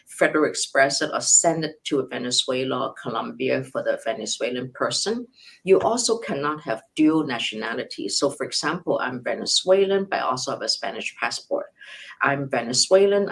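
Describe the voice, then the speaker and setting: A woman's voice: extremely low pitch, low-quality recording. Older woman, immigration lawyer, live q&a, numbered points, worked examples, restarts mid-sentence. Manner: frequent restarts and self-corrections. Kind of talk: live question-and-answer explanation.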